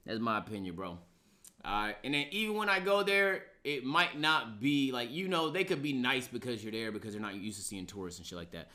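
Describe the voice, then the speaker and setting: A man's voice: on the high side, pushed and bright. A man casually reacting to a video for his chat, joking and talking in loose slang.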